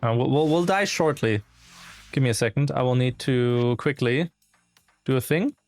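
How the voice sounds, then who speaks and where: A man's voice: mid-range voice, moderate pace, a little mellow, dry recording, soft background music. A man giving casual livestream commentary as he plays, rambling along with muttered asides. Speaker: game streamer.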